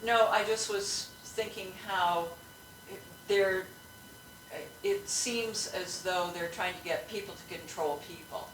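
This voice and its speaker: A woman's voice: medium pitch, takes it slowly. Woman, podcast guest, chatty, agreeable, roomy distant sound, faint noise. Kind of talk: casual chat.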